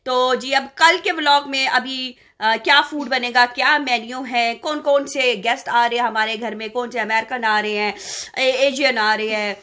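A woman vlogs from her living room, talking casually and playfully into a handheld phone camera. Her voice sits a little high and rings brightly. She teases and chats as she goes. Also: fairly even intonation, moderate pace, few pauses. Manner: playful, chatty and teasing. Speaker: family vlogger. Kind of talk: casual vlog chat.

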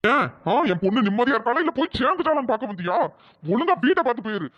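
A man voicing an angry older father in a cartoon, gruff and scolding as he threatens his son-in-law. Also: very high voice, big pitch swings, fast. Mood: furious. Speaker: father of the wife. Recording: dull, dry lo-fi audio.

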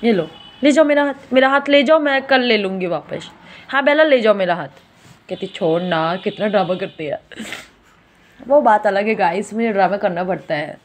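A woman's voice: a little high, lively intonation, fairly quick, rough recording. A woman vlogging about her pet dog, talking to it in a playful, teasing way with mock scolding and baby talk.

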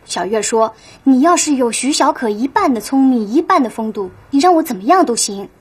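An actress playing a sharp-tongued, gossipy young office colleague in a TV drama, scolding and knowing. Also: female voice, on the high side, breathy edge. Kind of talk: TV drama acting.

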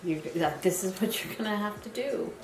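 Mom off to the side, calm and a bit impatient, roomy echo, faint hiss. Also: female voice, medium pitch, brisk. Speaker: vlogger's mother. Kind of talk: casual chat. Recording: echoey room from off mic.

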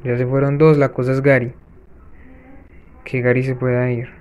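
Brief: male gaming host, mid-pitched, casual running commentary with sudden gasps. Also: level tone, darkish tone, clear, resonant tone. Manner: chatty, talks viewers through the match with quick gasping reactions. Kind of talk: let's-play gameplay commentary.

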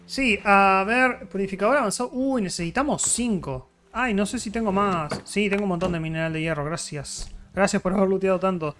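A man's voice: sits high, fairly quick, hardly any pauses, a bit bright, soft background music. A man with a Rioplatense Spanish accent, chatty let's-play commentary as he thinks aloud through crafting and fights. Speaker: gaming YouTuber.

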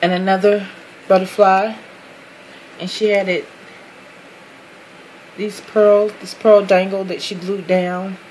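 A woman's voice: mid-range voice, flat delivery, slow, long pauses, darkish tone, slight background noise, rough recording. A woman chatting casually to her viewers while unboxing a handmade craft box, gushing over each detail, apologizing often and calling everyone "guys.". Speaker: craft vlogger.

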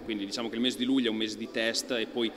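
A man in his thirties, an archery club president, giving an interview in an indoor archery hall, talking with many fillers and pauses. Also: fairly low pitch, flat delivery, a bit bright. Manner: thoughtful, halting, many fillers. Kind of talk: on-camera interview.

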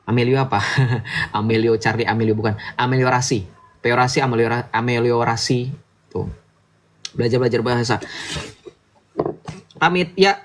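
A man hosts a casual livestream. He talks at a middle pitch in a chatty, lecturing way and keeps asking his listeners to agree. He speaks into a streaming mic. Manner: chatty, lecturing, asks "betul nggak?" often. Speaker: livestream host.

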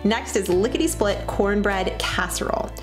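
In a medium-pitched voice at normal speed, a Midwestern woman in her thirties guides viewers through cooking steps. She's a cooking channel host with a cheerful, chatty manner, heard in a voice-over under loud background music.

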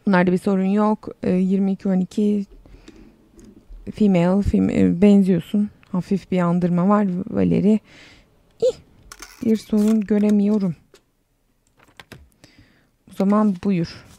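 A woman's voice: medium pitch, little pitch movement, unhurried, vocal fry, long pauses, dark tone. A young woman casually commenting on a game while she plays, chatty and sarcastic, reading the game text aloud as she goes. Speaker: game streamer.

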